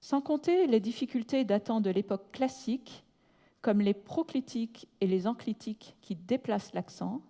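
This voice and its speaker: A woman delivers a prepared academic lecture in a large hall, her mellow, darker voice carrying a long reverb tail. She reads in a measured, deliberate way and slows right down to spell out technical terms. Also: a little high. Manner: breaks off with brief asides in English. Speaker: conference speaker.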